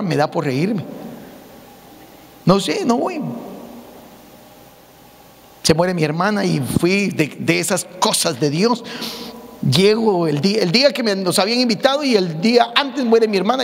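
Pastor preaching a humorous sermon; high, raspy-edged male voice, big reverberant sanctuary. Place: church sanctuary. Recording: long church hall reverb.

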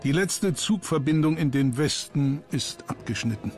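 A man reading a scripted history documentary narration in a sober, measured manner. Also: a little high, animated. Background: background music.

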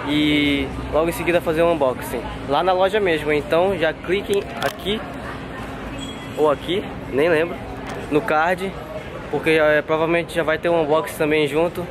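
A chatty young Brazilian man, a travel vlogger, narrates casually to camera in an upbeat way, talking straight to his viewers. His voice is fairly high and fairly even, at a moderate pace. He's filming on a handheld camera held at arm's length, moving through a crowded electronics store and out onto the street, with loud crowd noise and music around him.

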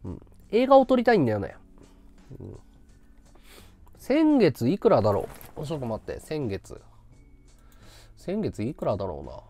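A man's voice: mid-range voice, huge pitch swings, normal speed, long pauses, dark tone. A man chatting casually on his livestream, rambling and muttering to himself as he works out figures. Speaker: live streamer.

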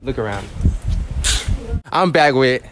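A man's voice: medium pitch, slow. A young man hosting a casual street interview in a shopping mall, talking in slangy, hyped bursts and repeating his catchphrases. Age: young adult. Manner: hype, slangy, animated, repeats "you know what I'm saying".

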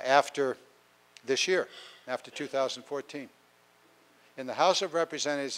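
A man's voice: mid-range voice, a bit bright. Older man at a town hall mic. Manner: plainspoken, exasperated, many uh fillers. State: getting a cold. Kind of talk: public town hall talk. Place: large council chamber with an audience. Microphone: handheld mic.

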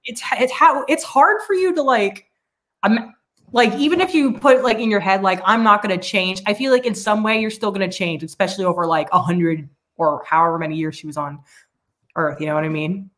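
Chatty laughing woman book club host. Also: medium pitch. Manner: chatty, laughs often, quick asides. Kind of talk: casual book discussion.

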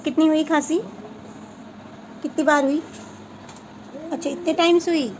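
A woman's voice: high-pitched, steady tone, unhurried, background noise. A woman vlogging casually about her family, coaxing her children to talk. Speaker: vlogger, mother. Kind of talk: casual family vlog chat.

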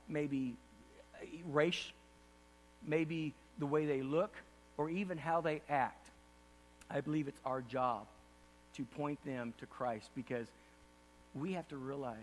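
Speaking on the high side, a middle-aged pastor stands at a podium on a large auditorium stage for an earnest state-of-the-church address that climbs to impassioned emphasis. A faint hum accompanies the distant, reverberant recording.

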